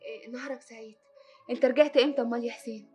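An actress with an Egyptian accent playing a sociable young wife in a radio drama, pleading and easily hurt. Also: female voice, fairly high pitch, fairly even intonation, racing, mellow, faint music behind, natural voice. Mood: cheerful. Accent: Egyptian Arabic.

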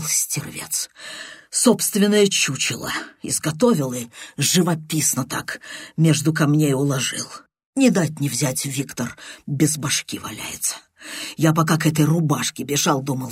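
A reader voicing a desperate, jealous man with a torn, hoarse, shuffling voice, speaking in a grim half-whisper. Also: a little high, no echo, studio quality. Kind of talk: audiobook character voice.

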